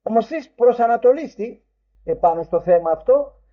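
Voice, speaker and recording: A man with a high voice delivers a sermon in formal, old-fashioned phrasing. He is emphatic, and his voice climbs further whenever he quotes. The recording is dull and lo-fi. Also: expressive. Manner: emphatic, rising sharply when quoting. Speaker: preacher.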